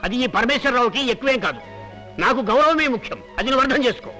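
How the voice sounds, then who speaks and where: A man's voice: extremely high pitch, lively intonation, rapid-fire, music in the background, poor audio. An actor playing a proud, stern older father in a dubbed film drama, speaking emphatically.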